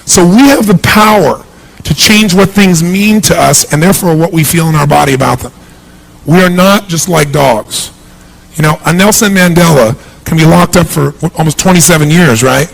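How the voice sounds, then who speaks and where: A middle-aged man giving a punchy, energetic seminar speech to a large audience in a big hall, asking the crowd questions. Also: on the high side, moderate pace, creaky. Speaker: motivational speaker.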